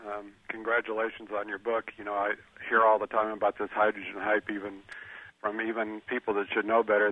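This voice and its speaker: Man phoning into a radio show: earnest, rambling caller, deep-ish and flat, dry phone-line sound. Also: dry recording. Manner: earnest, rambling, restarts questions. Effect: telephone line. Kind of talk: caller asking a guest a question.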